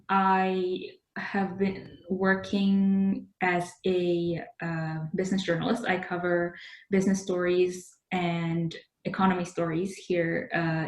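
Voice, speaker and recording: A young woman from Indonesia talks into a laptop webcam at home. Her voice sits a little low, and she pauses often with soft fillers as she reflects. The room adds a noticeable echo. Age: young adult. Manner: thoughtful, with frequent "um" and "uh" fillers. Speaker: business journalist. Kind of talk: personal reflection to camera. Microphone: laptop webcam, close framing.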